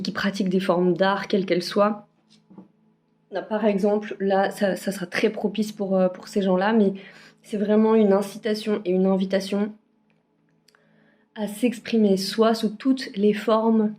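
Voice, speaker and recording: A woman's voice: medium pitch, dark tone. A woman giving a casual weekly spiritual card forecast, hesitant, with many fillers and restarts, recorded on a phone. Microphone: phone camera.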